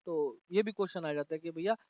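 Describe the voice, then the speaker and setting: A man teaching a school class in a chatty way, often calling students "beta" and reading textbook lines slowly. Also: fairly high pitch, a little mellow, dry recording, dull audio. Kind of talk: classroom lesson.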